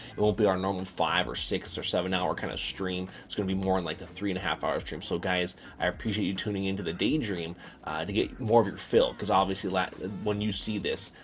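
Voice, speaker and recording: A young man talking casually in a vlog, rambling and repeating words with many fillers. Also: sits low. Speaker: vlogger.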